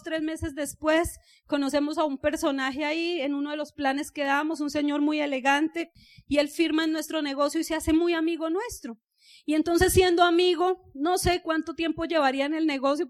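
A woman with a Colombian accent giving a motivational business seminar talk, telling an animated personal story and asking the audience to agree with her. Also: high voice, normal speed.

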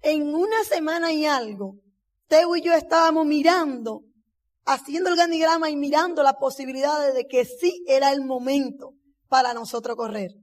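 A woman's voice: sits high, moderate pace. A woman, giving an emotional testimony speech and acting out the dialogue of her story. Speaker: motivational speaker.

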